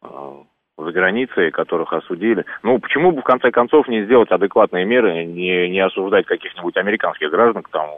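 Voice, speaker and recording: A man calling in to a radio show over the phone, nervous and halting, speaking on air for the first time. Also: sits low, animated, no room sound. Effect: phone line. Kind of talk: call-in opinion. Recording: tinny phone line.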